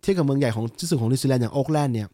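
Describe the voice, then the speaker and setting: A man's voice: mid-range voice, rapid-fire, mellow, no echo, clean studio sound. A man co-hosting an interview, chatty and asking follow-up questions. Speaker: co-host. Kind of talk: casual interview chat.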